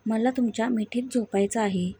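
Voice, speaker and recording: A woman voicing a tearful, sulking young wife in a read-aloud story, in a soft, husky voice. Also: a little high, steady tone, moderate pace. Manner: soft, plaintive read dialogue.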